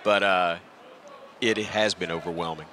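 Speaking into a broadcast headset from a ballpark press booth, a middle-aged radio play-by-play announcer is interviewed as a guest and reflects on himself with self-deprecating humor. His voice is deep, steady, unhurried, and sharp in tone, with slight outdoor stadium noise in the background.

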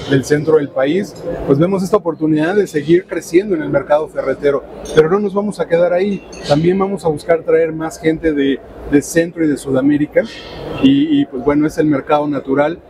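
A middle-aged Mexican man with a somewhat high voice answers questions in a businesslike way, often stopping on little filler sounds. He speaks into a lapel mic at a booth, and the steady noise of a crowded expo hall is clearly heard around him. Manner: businesslike, many filler pauses. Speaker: trade show director. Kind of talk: interview answers. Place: trade show booth indoors. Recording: noisy expo floor ambience.

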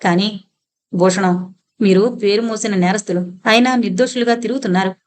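Woman reader doing a serious calm guy, slow and solemn, audio novel. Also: high voice, a little hiss or hum, close to an everyday voice. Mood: reasoning. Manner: solemn, measured. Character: grave, calm middle-aged local man.

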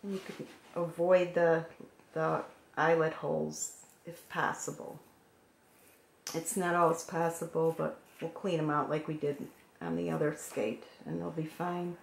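Working at a table, a woman talks through a painting craft step by step in a calm, gentle, instructional manner, unhurried. Her voice is low, gravelly and hoarse, almost froggy, and the echoey room carries a faint hiss.

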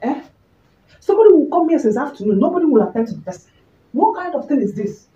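A Nigerian woman playing a loud, fussy pregnant woman who scolds hospital staff in quick rants. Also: fairly high pitch, expressive, soft background music, lightly acted. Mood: indignant. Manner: scolding, indignant, fast rants. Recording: roomy, distant, dull home recording.

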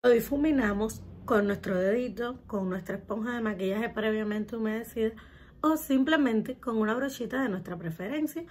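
A woman's voice: on the high side, moderate pace, darkish tone, a little hiss or hum. A young woman hosting a step-by-step makeup tutorial, talking in a chatty way to her viewers and using lots of diminutives. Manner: chatty, addresses viewers as girls, uses many diminutives.

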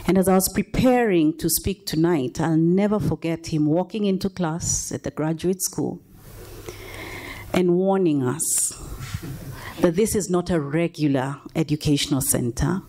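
Low, unhurried woman speaking at a podium. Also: mellow. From Kenya. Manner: engaging, quizzes the audience. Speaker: guest speaker. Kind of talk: motivational talk to an audience. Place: university event hall at a podium. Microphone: handheld microphone.

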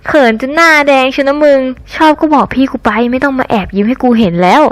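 A woman's voice: high-pitched, expressive, quick pace, pitched above the performer's own voice. A woman voicing a brash, crude teenage boy who teases his best friend in a coarse, boastful way. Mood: teasing.

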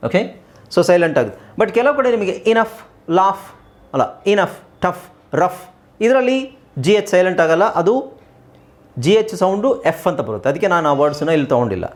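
A middle-aged male teacher with a Kannada accent walks through an English lesson, spelling words letter by letter and repeating them. His voice sits a little high and swings widely in pitch as he explains. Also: very animated. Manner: explains patiently, repeats words, slow deliberate spelling aloud.

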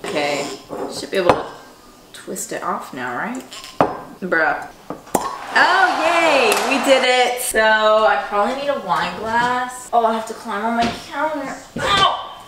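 A woman's voice: on the high side, expressive, a little slow, heavy background noise. A woman in her twenties chatting casually to camera in her home kitchen, rambling and playful. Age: 20s. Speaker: vlogger. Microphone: fixed camera on counter. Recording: echoey kitchen room.

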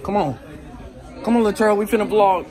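A young man joking around with friends outdoors, talking loudly and playfully into a phone camera. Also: sits high, brisk, over loud music, over a noisy crowd. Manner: loud, playful, laughing with friends.

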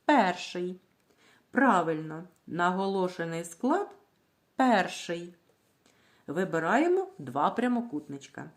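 A woman teacher leads a literacy lesson for small children, her voice rising and falling in a lively way. She speaks at an unhurried, slow pace, drawing out each word syllable by syllable. She asks the class a question, then gives the answer herself. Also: on the low side. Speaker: primary school teacher.

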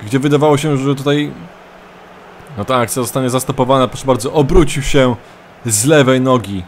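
A man gives playful let's-play commentary over a football game, shifting from easy chatter to shouted play-by-play whenever his striker scores. His voice sits at a middle pitch for a man, and faint game sound plays behind him. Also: fairly quick, a little hiss or hum. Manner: excitable mock sports commentary, shouting at goals. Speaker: gaming YouTuber.

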